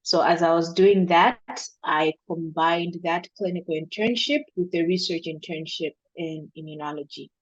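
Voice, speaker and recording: A young woman from Malawi, a medical doctor, answering interview questions thoughtfully with many pauses. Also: lowish voice. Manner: thoughtful, with many ums and uhs. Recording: dull lo-fi sound.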